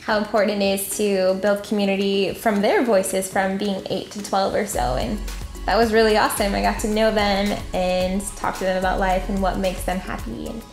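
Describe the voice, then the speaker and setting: A woman's voice: medium pitch, little pitch movement, normal speed. A young adult woman, a stunt performer, talking casually and upbeat in an interview with lots of fillers. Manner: upbeat, chatty, many fillers. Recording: roomy echo, faint music.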